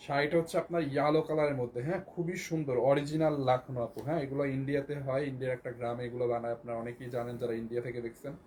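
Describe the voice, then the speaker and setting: A hoarse man with a Bangladeshi Bengali accent, selling clothes on a live stream and repeating prices again and again. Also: a little high, a little mellow, a little hiss or hum. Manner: repetitive, keeps repeating prices and urging viewers to buy. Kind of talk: live shopping sales pitch.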